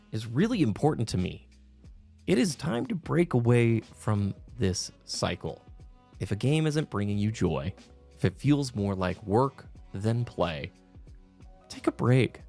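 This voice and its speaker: A video game commentator offers earnest, reflective opinions to viewers, speaking with emphasis over background music. His medium-pitched voice has vocal fry and a slightly mellow quality.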